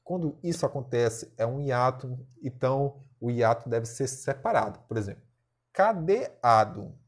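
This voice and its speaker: A man's voice: medium pitch, moderate pace, husky. A male teacher with a Brazilian accent giving a recorded lesson, explaining step by step and often checking in with short tag questions.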